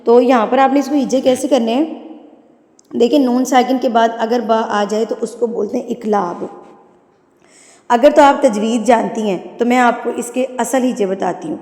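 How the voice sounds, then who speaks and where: Woman tajweed teacher, patient slow spelling, higher voice, long reverb. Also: steady tone, warm tone. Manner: patient, explains then spells words slowly syllable by syllable.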